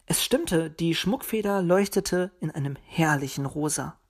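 A woman narrating a storybook with a lively, expressive reading style. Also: sits low, a little slow, breathy edge.

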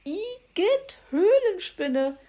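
A woman doing a shrill, squeamish little squirrel. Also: big pitch swings, moderate pace, a little mellow. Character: squeaky squirrel, easily disgusted.

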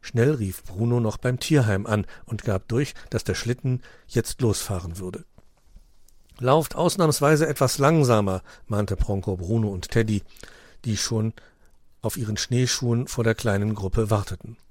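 A man reading a children's story aloud in an expressive storytelling manner. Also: on the low side, normal speed, no echo, clean studio sound. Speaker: narrator.

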